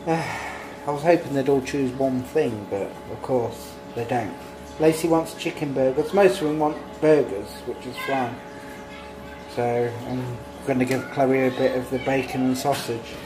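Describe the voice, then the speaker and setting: A man's voice: mid-range voice, moderate pace, poor audio. A man, chatting casually to viewers about feeding his kids, rambling and easygoing. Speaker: vlogger. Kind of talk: casual home vlog chat. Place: small home kitchen and living room. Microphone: phone held at arm's length.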